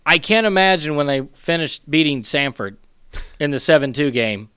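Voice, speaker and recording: A man's voice: a little high, expressive, normal speed, bright, forceful tone, clear, resonant tone, no room sound, clean studio sound. A man co-hosting a sports podcast, talking in a chatty, rambling, joking way. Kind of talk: casual sports chat.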